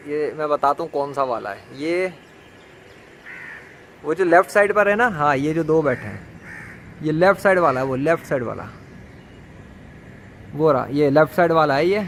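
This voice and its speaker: A man's voice: on the high side, moderate pace, long pauses. A man filming a crow outdoors on his phone, chatting playfully and coaxing the bird as he talks to viewers. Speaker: vlogger. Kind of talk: casual vlog, talking to a crow. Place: outdoors near a perched crow, after drizzle. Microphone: phone camera. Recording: outdoor phone recording, steady background noise.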